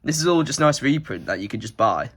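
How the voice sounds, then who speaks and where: A young card collector vlogger with a head cold sounds nasal as he rambles casually through his collection in a show-and-tell, using lots of filler words. His medium-pitched voice is very animated and fast, with a little hiss or hum in the audio.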